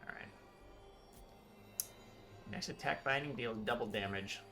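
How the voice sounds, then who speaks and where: A man's voice: medium pitch, unhurried, over music. A man leading a casual gameplay chat on a stream, upbeat and thinking aloud as he plays. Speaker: game studio head playing on a stream.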